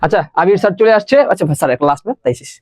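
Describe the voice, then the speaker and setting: A young man teaching a live online science class, talking fast and chatty and mixing in English words. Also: high-pitched, animated, darkish tone, no echo, clean studio sound.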